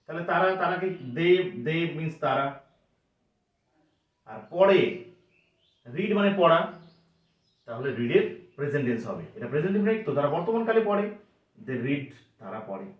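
A man's voice: fairly high pitch, animated, moderate pace, long pauses. A man teaching an English grammar lesson, patiently asking questions and then answering them himself. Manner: patient, asks and answers his own questions. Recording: echoey room, voice from a distance, dull sound.

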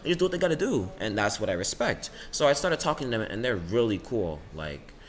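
A teenage boy rambles through a casual monologue about the people he knows, leaning on "like" again and again. His voice sits low, but it jumps up and down as he goes. A faint hiss runs under the recording. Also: fairly quick. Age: teens. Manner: rambling, says "like" a lot, lively swings in pitch. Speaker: student vlogger.

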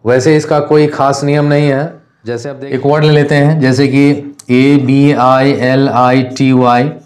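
A man from India teaching an English lesson, slowly spelling out words letter by letter. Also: mid-range voice, little pitch movement, darkish tone. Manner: slow, deliberate spelling out of letters. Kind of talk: classroom lesson explanation.

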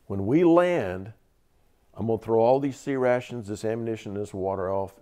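A man's voice: fairly low pitch, moderate pace, mellow, voice pushed up, natural voice. An old man doing an urgent helicopter crewman. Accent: Southern US.

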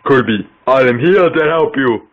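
A man's voice: mid-range voice, animated, normal speed, lo-fi sound, close to an everyday voice. A man voicing a boastful fat penguin king in a home-made plush video, offhand and mumbling.

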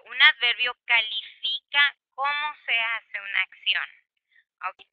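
A woman's voice: fairly high pitch, no room sound, lo-fi sound. A woman with a Mexican Spanish accent teaching an English grammar class, explaining patiently with many examples and switching between Spanish and English.

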